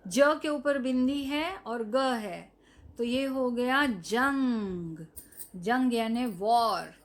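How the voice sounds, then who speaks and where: Slow, patient woman teaching young children. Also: fairly high pitch. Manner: slow, drawn-out, repeats each word and its meaning; addresses the children directly, asking them to say the word. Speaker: primary school Hindi teacher. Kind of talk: recorded lesson for young children.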